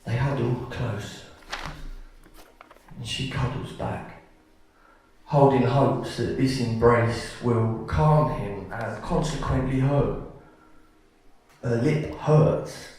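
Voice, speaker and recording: Slow, rhythmic man reciting poetry. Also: mid-range voice, fairly even intonation, a little mellow. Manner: rhythmic, measured recitation with offhand asides. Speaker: spoken word poet. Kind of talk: live poetry performance. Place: live performance venue. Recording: echoey venue, mic from far off.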